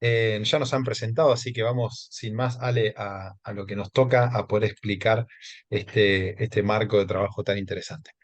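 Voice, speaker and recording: Presenting a live webinar, this man from Argentina speaks with his native accent in a lowish voice at normal speed and with fairly even intonation; there's no echo. His style is chatty and halting, packed with fillers, and he regularly turns questions to his listeners.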